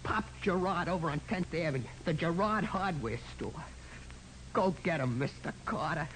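A man's voice: fairly high pitch, animated, moderate pace, a bit bright, slight background noise, poor audio. Fields: Figure: sullen tough teen boy. Style: 1940s radio acting. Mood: angry. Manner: sullen tough-guy slang, then bursts out angry. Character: defiant teenage boy in trouble, street tough.

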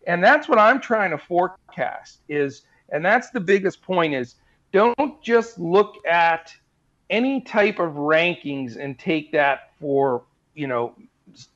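A man's voice: sits high, highs cut off. A man giving fantasy basketball advice as a podcast guest, talking earnestly and repeating himself with lots of fillers. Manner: earnest, repetitive, full of fillers. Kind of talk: casual interview advice.

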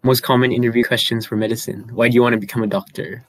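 Young man, late teens, earnest podcast co-host, mid pitch, dry close mic. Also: steady tone, quick pace, no room sound. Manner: earnest, explains step by step. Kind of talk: casual chat.

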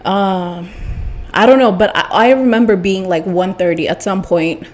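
In a medium-pitched voice, a woman vlogger rambles casually and gushingly to her followers, stretching out words for emphasis. Her throat sounds congested and cracks slightly.

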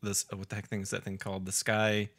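Bright-voiced man searching for words. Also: fairly low pitch, monotone, fast talker. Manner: searching for words, frequent um and uh, laughs often. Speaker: podcast co-host. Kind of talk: casual chat.

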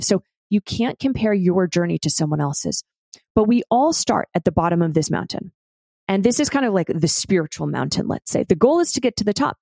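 A woman's voice: medium pitch, dark tone, dry recording. A woman hosting a spiritual self-help podcast, talking earnestly and encouragingly straight to the listener. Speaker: podcast host.

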